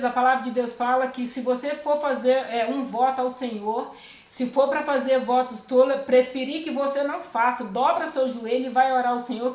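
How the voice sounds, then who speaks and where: A woman's voice: high-pitched, a little mellow, reverberant. A woman from Brazil giving an earnest, emotional religious testimony at home, repeating her phrases, filmed on a phone camera. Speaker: testifying believer.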